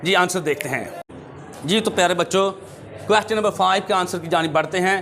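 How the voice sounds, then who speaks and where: A man with a Pakistani accent teaching a school English lesson, repeating each phrase slowly and reading English lines deliberately. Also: high voice, a bit bright. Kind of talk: exam-prep lesson for schoolchildren.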